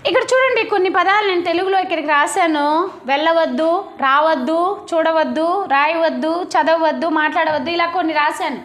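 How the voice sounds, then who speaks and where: A woman's voice: very high voice, a little fast, a bit bright, echoey room. A woman teaching a primary school class, coaxing the children to repeat after her. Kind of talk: classroom lesson.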